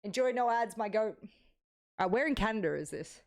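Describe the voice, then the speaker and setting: A young woman thinks aloud on a live stream while she plays. She is excitable and curses a lot, and her commentary runs casual and unscripted. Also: mid-range voice, normal speed. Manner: excitable, swears a lot, talks to herself while playing.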